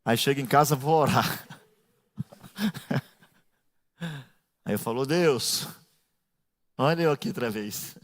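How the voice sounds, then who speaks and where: A middle-aged male pastor preaching a sermon, dropping to low asides and building to shouted, half-sung climaxes. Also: slow pace, pauses often. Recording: echoey church hall.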